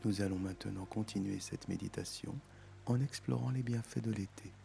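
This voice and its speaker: A man guiding a meditation in a soft, soothing, intimate voice, as if speaking right into your ear. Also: lowish voice, moderate pace, creaky. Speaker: meditation guide. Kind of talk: guided meditation. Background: music.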